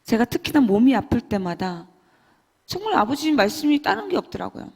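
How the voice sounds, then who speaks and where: Animated woman with a gravelly voice. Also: a little high, brisk. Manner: emotional, animated storytelling, swinging between loud and hushed. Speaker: church member giving testimony. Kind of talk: church testimony. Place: church hall. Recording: long church hall reverb.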